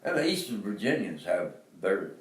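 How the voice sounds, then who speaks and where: A man's voice: low-pitched, sing-song, normal speed, reverberant, recorded from a distance. An older man with an Appalachian accent, telling rambling stories from his life and chuckling often. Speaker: interviewee, father. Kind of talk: casual storytelling.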